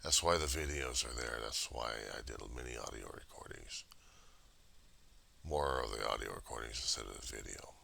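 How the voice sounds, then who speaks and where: A man giving a casual, profane confessional monologue in a halting, raw and emotionally weary way. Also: rumbling low, vocal fry, sharp tone. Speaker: personal video diarist.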